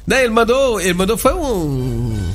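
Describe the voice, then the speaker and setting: Radio co-host guy, teasing and slangy, high voice all over the place, music behind. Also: wildly swooping pitch, normal speed. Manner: colloquial, teasing. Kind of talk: casual on-air banter.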